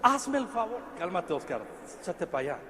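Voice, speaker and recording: A Mexican man preaching a sermon, swinging from quiet asides to shouted lines. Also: high voice, big pitch swings, brisk, big-room sound, noisy background. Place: large church hall.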